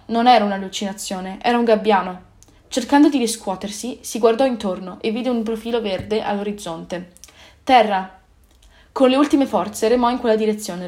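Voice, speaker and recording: A woman narrating a story in a calm, even storytelling manner. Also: medium pitch. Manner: calm, even storytelling with small self-corrections.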